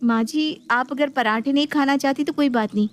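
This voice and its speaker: A woman's voice: high-pitched, brisk, faint music behind, close to an everyday voice. A woman voicing a headstrong young daughter-in-law who talks back in a cartoon. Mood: sassy.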